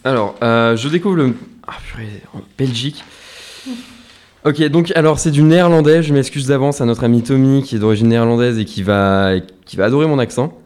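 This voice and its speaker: Man, radio columnist, mid-pitched voice, wry, self-mocking humor. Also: a little fast, darkish tone. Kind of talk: casual chat and scripted column.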